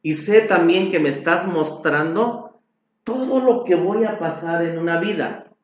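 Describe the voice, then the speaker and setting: A male pastor delivers a sermon in a slow, deliberate cadence, pushing his voice up for emphasis on key phrases. His voice sits somewhat high for a man. The sound carries the echo of a church room. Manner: slow, emphatic preaching with rising exclamations. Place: church hall.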